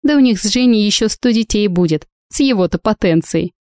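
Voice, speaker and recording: Alena, a brazen, ironic young woman, as a woman narrator plays her, mocking and unbothered. The voice is mellow and dry, recorded close in a storybook reading. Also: medium pitch, animated, brisk, no room sound, pitched above the performer's own voice, close to an everyday voice.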